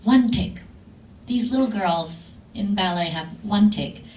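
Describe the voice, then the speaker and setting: A film director, a woman, telling a lively, laughing story to an audience at a screening Q&A. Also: mid-range voice, takes it slowly. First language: Lao. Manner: lively, laughing, acts out quotes. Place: cinema hall. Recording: echoey hall, far from mic, faint noise.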